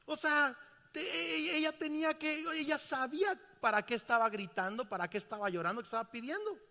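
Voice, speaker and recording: A man's voice: very high voice, fast talker, creaky, in a large hall. A middle-aged man preaching a sermon in a large church, asking the congregation questions. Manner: animated, asks the congregation questions. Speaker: pastor.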